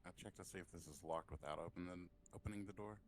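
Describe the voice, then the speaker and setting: A man's voice: sits low, quick pace, a little hiss or hum. A man talking casually as a player in a tabletop game.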